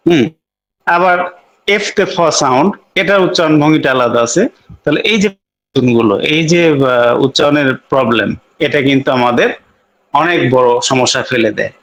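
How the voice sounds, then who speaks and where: A male English teacher giving a lecture, explaining step by step, repeating key sounds slowly and often checking in with his listeners. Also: medium pitch, a bit bright, poor audio. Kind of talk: classroom-style lecture.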